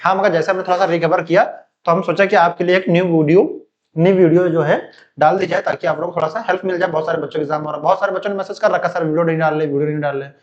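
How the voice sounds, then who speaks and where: Brisk high-voiced man teaching. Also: steady tone, highs cut off. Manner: talks directly to students, calls them "beta", lots of "theek hai" fillers. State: recovering from a cold, still coughing. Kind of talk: online exam-prep lesson.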